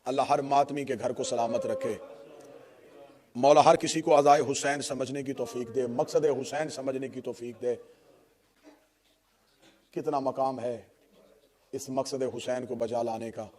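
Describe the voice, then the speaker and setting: A man's voice: mid-range voice, fairly even intonation, long pauses, a little mellow. A man from Pakistan with a Pakistani Urdu accent, giving a mourning sermon in an impassioned style that rises into a tearful, chanting wail. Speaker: preacher.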